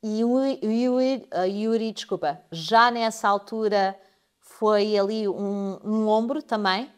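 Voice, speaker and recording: A woman's voice: medium pitch, slow pace, smooth. A woman hosting a podcast, leading a casual interview with prompting questions and frequent check-ins. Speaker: podcast host.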